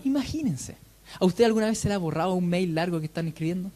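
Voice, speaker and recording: A preacher giving a sermon, telling stories lively and firing rhetorical questions at the congregation. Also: medium pitch, fast.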